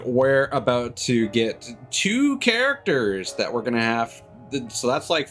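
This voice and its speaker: A man with a mid-range, fairly bright voice hosts a livestream, chatting with viewers. His commentary on a game is casual, rambling, and hesitant.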